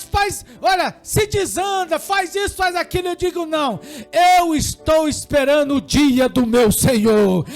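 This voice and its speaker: A Brazilian man preaching a sermon at a church service, swinging between quiet talk and shouting with fervor. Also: very high voice. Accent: Brazilian Portuguese. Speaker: pastor.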